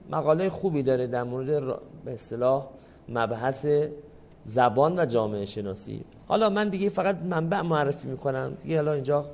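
A man giving a classroom lecture in a measured, explanatory way, politely addressing the audience and answering their questions. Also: mid-range voice, a little mellow, lo-fi sound.

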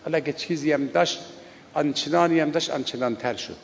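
Male preacher, gravelly and a bit high, who slowly chants the prayer and then explains it conversationally, on a dull recording. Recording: lo-fi recording with long hall reverb.

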